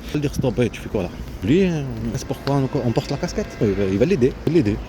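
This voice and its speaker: A man's voice: mid-range voice, big pitch swings, quick pace. A man vlogging outdoors on a phone, talking in an agitated, rambling way with many restarts. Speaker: vlogger seeking an internship. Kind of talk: casual vlog monologue. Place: outdoors in the street, looking for shade. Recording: loud outdoor street noise.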